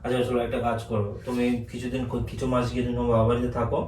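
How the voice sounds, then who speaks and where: A young man telling his wife, in a staged prank, that he no longer feels for her, speaking in a halting, flat way. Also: medium pitch, a little hiss or hum. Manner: hesitant, flat, halting delivery. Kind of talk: staged emotional argument. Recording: echoey room, mic far off.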